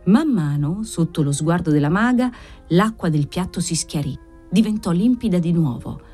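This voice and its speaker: Low, mellow-voiced woman narrator. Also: breathy edge, faint music behind. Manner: measured, expressive storytelling. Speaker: audiobook reader. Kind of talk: literary narration.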